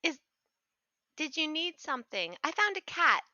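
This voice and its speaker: A woman playing a cheerful, scatterbrained adventurer in a tabletop game, chatty, polite and a little halting. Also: high voice, very animated, bright, forceful tone, lo-fi sound, voice pushed up, exaggerated voice. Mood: bright, chatty.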